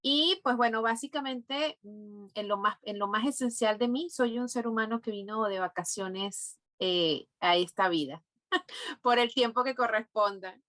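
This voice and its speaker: Venezuelan woman explaining finance calmly. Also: fairly high pitch, no echo. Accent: Venezuelan Spanish. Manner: explanatory, thoughtful with pauses and fillers. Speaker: guest, neurofinance specialist. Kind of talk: podcast interview.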